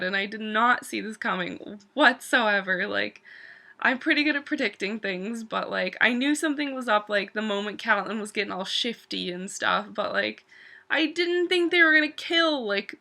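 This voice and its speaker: A woman's voice: on the high side, creaky, bright, forceful tone. A woman talking through a TV episode in a casual vlog review, gushing and swearing freely, with "like" in nearly every sentence. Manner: gushing, profane, heavy use of "like".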